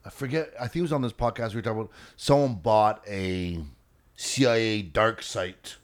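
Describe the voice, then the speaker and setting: A man co-hosting a podcast in casual chat, musing and thinking out loud in halting starts. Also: on the low side. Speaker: podcast co-host.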